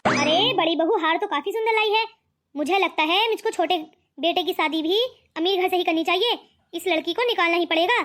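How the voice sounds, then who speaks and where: Woman doing a scheming mother-in-law in a cartoon, taunts a lot, super high and bright. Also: brisk. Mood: scolding. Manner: scolding, taunting. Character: scheming greedy middle-aged mother-in-law.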